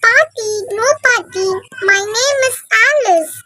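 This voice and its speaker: A woman's voice: extremely high pitch, animated, extremely slow, pushed and bright, heavily acted. Woman doing a sweet little cartoon girl. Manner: sweet, polite. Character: new little girl, polite and sweet, mixes in English.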